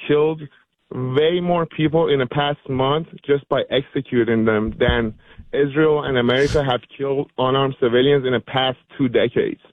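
A man's voice: medium pitch, steady tone, moderate pace, no echo. Man, radio caller from Iran, fervent, filler-heavy speech, phone-line sound, dry. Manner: fervent, grateful, with many ums and likes. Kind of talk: phone-in call.

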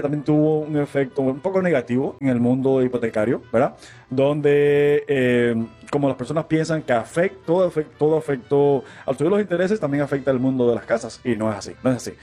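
A man's voice: a little high, fairly quick, dark tone, soft background music. A man in his thirties from Cuba, a mortgage lender explaining things earnestly as a guest. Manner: earnest, many fillers and restarts.

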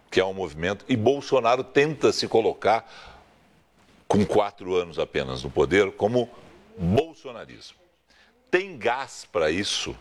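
A man interviewing a guest on politics, asking long, conversational, winding questions. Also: low voice.

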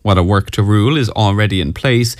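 A man's voice: on the low side, fast talker, no echo, studio quality. An Irish man reading a scripted radio bulletin as a newsreader. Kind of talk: scripted news, weather and sport bulletin.

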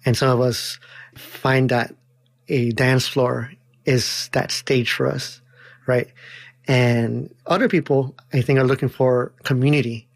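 A man's voice: mid-range voice, steady tone, vocal fry, dry recording. A man who teaches and organizes dance, telling his story in an earnest, reflective interview manner. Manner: earnest, quick bursts with slow emphatic stretches.

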